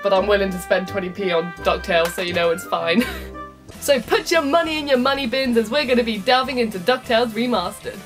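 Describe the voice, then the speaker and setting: A woman's voice: medium pitch, lively intonation, fairly quick, over music. A young British woman doing a bubbly, jokey review of a video game, with playful squeals and sing-song asides. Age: young adult. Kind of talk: upbeat comedic game review.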